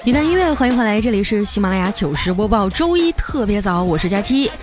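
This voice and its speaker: A woman's voice: medium pitch, lively intonation, quick pace. A woman hosts a comic storytelling podcast, chatty and joking. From Northeast China. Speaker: podcast host. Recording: music bed under the voice.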